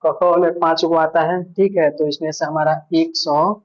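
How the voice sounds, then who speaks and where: A man's voice: on the high side, little pitch movement, moderate pace, lo-fi sound. A male teacher giving an online grammar lesson, patiently repeating points and asking himself questions.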